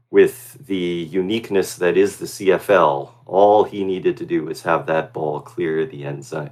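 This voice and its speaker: A man with a very low voice hosts a sports podcast. He walks through each game in an upbeat way and reels off statistics. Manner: upbeat, detailed game recaps with stats. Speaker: podcast host.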